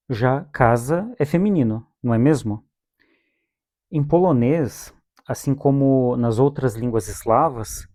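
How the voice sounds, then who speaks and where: Slow, mellow Brazilian man teaching. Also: mid-range voice. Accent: Brazilian Portuguese. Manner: slow, patient, repeats each word twice for learners. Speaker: language teacher. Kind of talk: calm lesson with repeated vocabulary drills.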